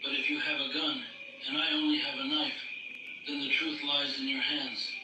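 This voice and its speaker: A man delivering a scripted monologue in a measured, solemn, declarative way. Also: mid-range voice, level tone. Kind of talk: scripted monologue on power and truth. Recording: echoey, distant, noisy playback.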